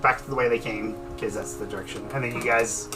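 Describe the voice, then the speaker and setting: A man's voice: mid-range voice, steady tone, quick pace, pushed and bright. A young man running a tabletop game as game master, casual and laughing often, with lots of fillers. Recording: distant mic with background music.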